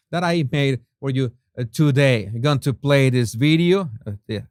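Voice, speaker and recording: Reading comments from his viewers, this Venezuelan YouTube host chats in Spanish-accented English with a mid-range voice. He's chatty, full of fillers and restarted sentences, and laughs at his own jokes. The recording is studio quality, without room sound.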